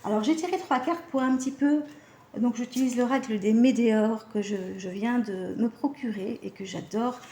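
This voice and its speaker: A woman's voice: fairly high pitch, moderate pace, mellow, reverberant, a little hiss or hum. A woman giving a casual card-reading guidance, chatty and hesitant with many fillers and self-corrections. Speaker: animal communication card reader.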